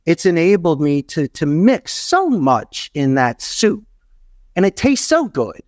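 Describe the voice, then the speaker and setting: An emphatic, rambling middle-aged man from Philadelphia, US, a call center entrepreneur on a podcast, gives folksy motivational advice in an interview with repeated phrases. His voice is a little high, sing-song, slow and darkish in tone. The studio-quality recording has no room sound.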